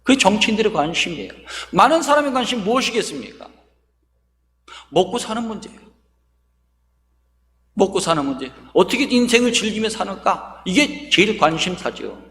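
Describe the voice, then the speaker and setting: A man's voice: high voice, very animated, moderate pace, pauses often, a bit bright. A man preaching a sermon as pastor, speaking emphatically and posing rhetorical questions to the congregation. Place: church sanctuary. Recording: long reverb of a church hall.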